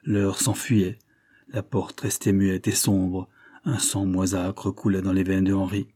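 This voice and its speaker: Low, husky male audiobook narrator. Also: no echo. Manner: measured, expressive reading.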